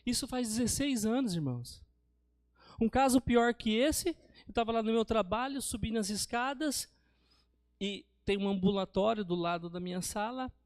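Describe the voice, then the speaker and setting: A man's voice: high voice, moderate pace, no room sound, studio quality. A man with a Brazilian accent preaching a sermon in church, telling stories and often calling his listeners brothers. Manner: storytelling, addresses listeners as brothers.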